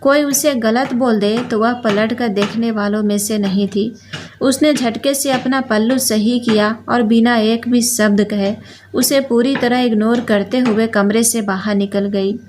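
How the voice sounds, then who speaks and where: A woman reads a romantic story aloud in a steady, even scripted manner. Her voice sits a little high. A faint hiss and some clicks run underneath. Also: a little slow. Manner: steady, even reading that voices both characters.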